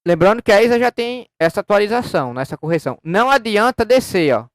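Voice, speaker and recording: A man talks casually through a software tutorial, explaining each step and testing his microphone with short repeated words. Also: sits high, big pitch swings, rapid-fire, dry recording. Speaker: software developer demoing his program. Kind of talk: casual screen-recorded tutorial. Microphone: studio microphone through an audio interface.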